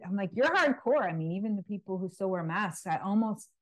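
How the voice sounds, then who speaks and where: A woman with a medium-pitched voice and fairly even intonation talks fast as a guest on a casual podcast interview. A natural health practitioner, she's wry and sarcastic, laughing between remarks.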